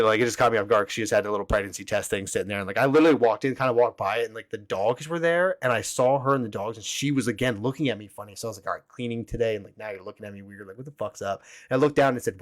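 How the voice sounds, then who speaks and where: A young man tells his own story at a rapid clip, swearing freely and scattering "like" through every sentence. His voice sits on the low side, and the sound is close and dry with no room around it. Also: no room sound. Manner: rambling, profane, heavy use of "like". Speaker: podcast host. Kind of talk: casual storytelling.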